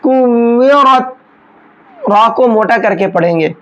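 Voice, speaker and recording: A woman teaching Quran tajweed step by step, patiently explaining letters and chanting verses slowly. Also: mid-range voice, a little mellow, muffled recording. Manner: slow, patient explanations with drawn-out chanted recitation. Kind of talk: step-by-step recitation lesson.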